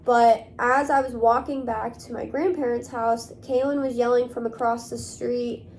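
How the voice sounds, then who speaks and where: A young woman talks straight to camera in a loose, rambling way, padding her sentences with fillers. Her voice sits a little on the high side. A faint hiss runs under it. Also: fairly even intonation, moderate pace, darkish tone. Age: young adult. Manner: rambling, filler-heavy, many "like" and "um". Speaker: vlogger. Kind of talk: casual talk to camera.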